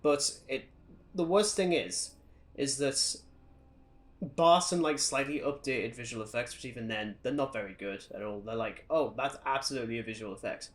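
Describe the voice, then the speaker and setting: At a normal speed and medium pitch, a British man rants sardonically about movies while co-hosting a podcast. The film review chat is casual and strongly opinionated.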